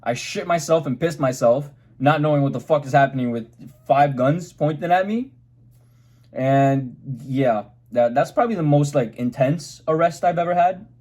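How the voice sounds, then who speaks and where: Animated young man telling a story. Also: fairly high pitch, normal speed. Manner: animated, swearing, mimics people in quotes. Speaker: car vlogger. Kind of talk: casual storytime.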